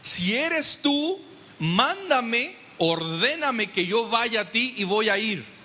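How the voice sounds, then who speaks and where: A pastor acting out the apostle Peter as an eager, bold disciple, pleading in a raised, drawn-out voice. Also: male voice, very high-pitched, sing-song, pushed and bright, voice pushed up, heavily acted. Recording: echoey church hall.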